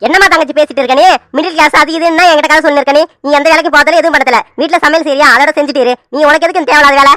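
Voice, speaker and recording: A woman's voice: sits high, fairly even intonation, rapid-fire, few pauses, pushed and bright, dry recording, clean studio sound. A woman voicing a stern, protective eldest brother who scolds his sisters in a cartoon serial. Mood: scolding. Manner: scolding, bossy, repeats himself. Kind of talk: Tamil cartoon serial voice acting.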